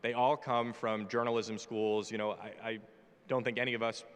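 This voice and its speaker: His voice sits lowish and level, clear and resonant, delivered at a normal speed. He is an American in his twenties on a panel in a large conference hall, being brash, opinionated and jokey, and the room sounds reverberant.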